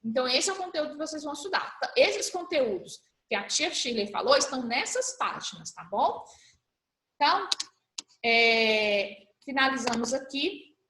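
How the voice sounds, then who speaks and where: A high-pitched woman teaching young pupils, patiently spelling out letter pairs one at a time. She talks in a roomy, echoing space at school. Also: very animated, moderate pace, sharp tone, a little hiss or hum. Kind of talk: recorded class review lesson.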